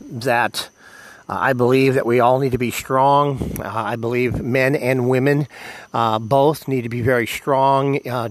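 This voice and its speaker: Halting American man whistling through missing teeth. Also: mid-range voice, no room sound. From United States. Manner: halting, filled with ums and pauses. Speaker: podcast host. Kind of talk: solo podcast announcements to listeners.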